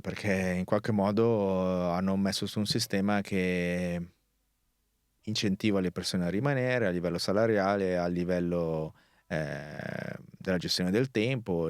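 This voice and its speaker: Male interview guest, deep voice, Italian with an Italian-American cadence, hesitant conversational delivery, close dry sound. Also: no room sound. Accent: Italian with an Italian-American lilt. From Varese, northern Italy. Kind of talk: casual radio interview.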